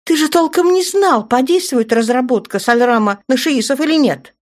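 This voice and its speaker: A woman reading as a fiery young woman commander, sharp and clipped, raising her voice a notch as she scolds. The delivery is brisk and a little tense, an audiobook heroine who does not hide her worry. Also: on the high side, voice pushed up, close to an everyday voice. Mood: stern. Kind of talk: audiobook character voicing.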